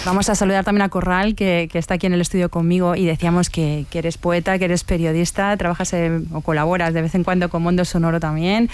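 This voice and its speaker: A woman's voice: lowish voice, level tone, fast, few pauses, a little mellow, clear, resonant tone. A woman hosting a radio interview from a studio, introducing guests and asking questions in an easy conversational way. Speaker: radio host.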